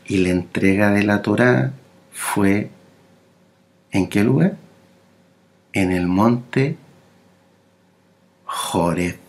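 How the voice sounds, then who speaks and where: A man preaching a sermon, speaking slowly and haltingly, with many fillers and repeated words. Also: fairly low pitch, expressive.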